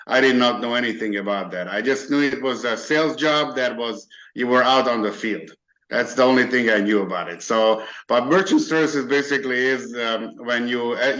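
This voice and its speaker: A man talks as an interview guest about his work. He speaks earnestly and haltingly, with many fillers and restarts, at a middle pitch. The recording sounds dull and lo-fi. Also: a bit bright. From Hungary. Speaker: interview guest, business owner. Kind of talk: casual interview.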